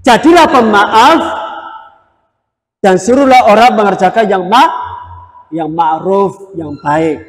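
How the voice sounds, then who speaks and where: A man giving a sermon in a relaxed, colloquial storytelling manner, acting out the lines he quotes and reading Arabic passages slowly. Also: high voice, big-room sound. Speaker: preacher.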